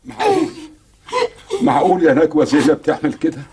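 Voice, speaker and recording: An older uncle in an Egyptian TV drama, disbelieving yet calming. His Egyptian voice is very husky, quick and lively in pitch. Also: full character voice. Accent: Egyptian Arabic. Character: older uncle of the house, doubting.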